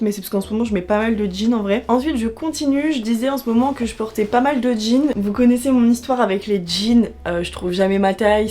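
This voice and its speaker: A woman's voice: a little high, a little mellow. A young woman, chatting casually to camera about her thrift haul, rambling with lots of filler words. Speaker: fashion vlogger.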